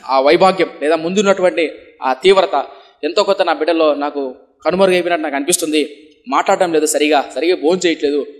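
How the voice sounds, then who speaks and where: A young man preaching a sermon, impassioned, acting out the voices of people in his story and swinging from soft speech to shouting. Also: on the high side. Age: young adult.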